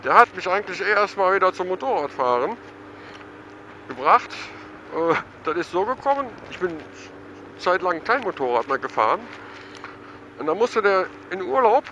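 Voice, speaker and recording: A man's voice: high-pitched, normal speed, pauses often, highs cut off, slight background noise. Chatty man riding a motorbike. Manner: chatty and excited, thinking aloud. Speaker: motovlogger. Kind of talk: casual running commentary while riding. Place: outdoors on a motorcycle in town traffic.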